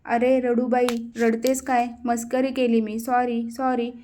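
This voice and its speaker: A woman's voice: a little high, flat delivery, measured pace, mellow, slight background noise, lightly acted. A woman reading a bold, teasing older sister. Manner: brash and playful.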